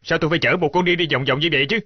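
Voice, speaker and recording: A man's voice: on the high side, very fast, dry recording, lightly acted. A man dubbing a flustered, exasperated young ex-fiancé in a TV drama. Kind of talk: dubbed TV drama acting. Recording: dull lo-fi dub audio.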